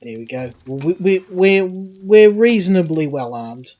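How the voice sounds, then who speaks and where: A man's voice: sits high, lively intonation, measured pace, warm tone. A man hosting a co-op survival game, chatting casually with his friend and often restarting sentences as he plans ahead. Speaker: game channel host. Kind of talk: casual co-op gameplay chat.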